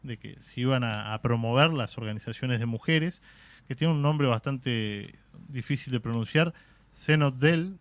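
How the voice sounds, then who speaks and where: A Uruguayan man of middle pitch talking on a studio radio show, explaining at length. He pauses a lot on small fillers and restarts his sentences. The sound is close and dry. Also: no echo, highs cut off. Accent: Uruguayan Spanish. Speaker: radio guest explaining history. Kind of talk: radio talk show chat. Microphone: studio microphone.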